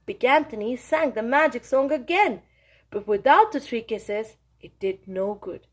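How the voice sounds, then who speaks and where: A woman reading a children's story aloud in an expressive, dramatic style with emphatic phrasing. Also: fairly high pitch, a little slow.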